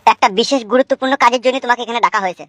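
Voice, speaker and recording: A woman's voice: fairly high pitch, racing, no echo, studio quality, close to an everyday voice. A woman voicing a secretive young village husband who answers evasively, in a comic cartoon.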